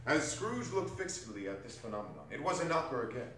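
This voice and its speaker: A man narrating a classic story in an expressive, theatrical dramatic reading. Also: medium pitch, fast talker. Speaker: stage narrator. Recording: very echoey hall, distant mic, faint noise.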